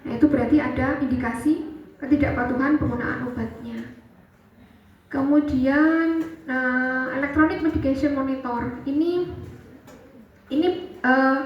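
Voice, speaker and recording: A woman's voice: high-pitched, slight background noise. A middle-aged woman, explaining a university lecture and often adding little filler tags. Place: lecture room. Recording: far-off echoey, dull classroom recording.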